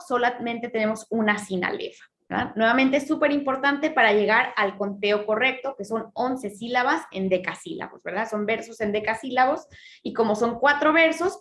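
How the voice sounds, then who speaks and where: A woman teaching Spanish literature, explaining step by step, checking in with her students often, and reading verse slowly when she counts syllables. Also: a little high, a bit bright. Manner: reads verse lines slowly, drawing out syllables. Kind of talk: lesson on poetry.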